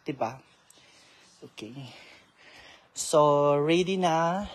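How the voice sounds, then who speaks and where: A woman vlogging in a casual live-stream chat, chatty, reading out viewer shout-outs and mixing in English. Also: sits low, drawn-out words. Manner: code-switches freely with English.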